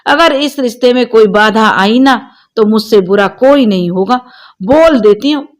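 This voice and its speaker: A woman's voice: a little high, a little slow, natural voice. A woman voicing a strict middle-aged mother who scolds and commands her daughter.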